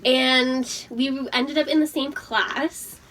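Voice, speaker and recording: Giggly tipsy young woman, bright voice. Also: high voice, fairly even intonation, slow. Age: young adult. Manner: uses profanity freely. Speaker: storytime host. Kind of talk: casual confessional storytelling among friends. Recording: distant mic, faint background noise.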